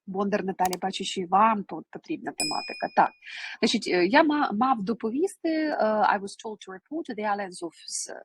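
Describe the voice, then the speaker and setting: Ukrainian-accented woman for an English teacher in a live online lesson, very husky voice, dry close mic. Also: medium pitch, dry recording. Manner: chatty, explaining, mixing Ukrainian and English.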